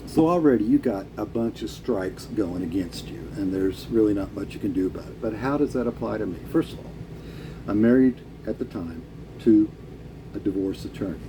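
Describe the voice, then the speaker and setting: A man's voice: lowish voice, lively intonation, normal speed, noisy background. A middle-aged man with an American accent talking casually and opinionatedly in a blunt, salty biker style. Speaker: vlogger answering a viewer's question.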